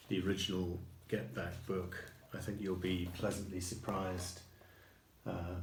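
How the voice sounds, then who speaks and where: A man reviewing his purchases in a casual video, unhurried and dotted with ums and restarts. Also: sits low, a little mellow. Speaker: record collector showing purchases. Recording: echoey room with faint noise.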